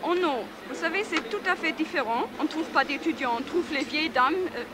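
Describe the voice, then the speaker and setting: German-born woman student, high voice. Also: brisk, crowd noise. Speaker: student interviewee. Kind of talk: 1960s street interview. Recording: noisy old TV reportage.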